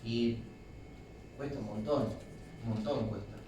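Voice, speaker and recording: A man's voice: medium pitch, unhurried, heavy reverb, recorded from a distance, noisy background. A young Uruguayan man preaching a sermon in a conversational way, acting out quotes and restarting his sentences. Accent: Uruguayan Spanish. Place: church hall.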